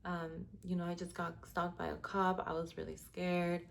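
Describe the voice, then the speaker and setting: A woman's voice: on the low side, flat delivery, moderate pace, creaky. A young woman in her twenties telling a personal story in casual storytime style, chatty and full of "like" fillers, dropping the odd Spanish word. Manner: chatty, frequent "like" fillers, slips into Spanish words. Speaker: vlogger.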